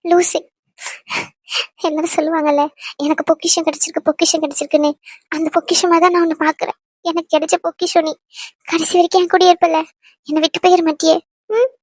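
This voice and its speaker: A woman playing a defiant young woman who breaks with her family, scolding fast and then turning tender. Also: very high-pitched, flat delivery, no echo. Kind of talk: amateur web drama acting.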